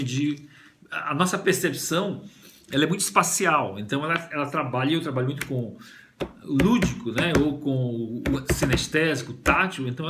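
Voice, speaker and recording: Brazilian guy lecturing on language learning, bright voice, pitch jumps around a lot, keeps checking in with the audience. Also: a little hiss or hum. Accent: Brazilian Portuguese. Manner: explanatory, frequent "né?" tag questions, lively intonation. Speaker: language teacher giving a talk.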